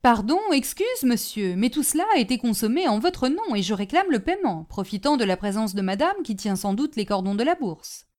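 Woman doing a blustering porter man, indignant, insistent, high loud delivery. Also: very animated, normal speed, few pauses.

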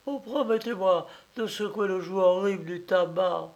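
A man's voice: sits high, moderate pace, muffled recording, pitched above the performer's own voice. A man voicing an anxious, imploring middle-aged aunt in an audiobook reading. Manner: imploring, reproachful, dramatic.

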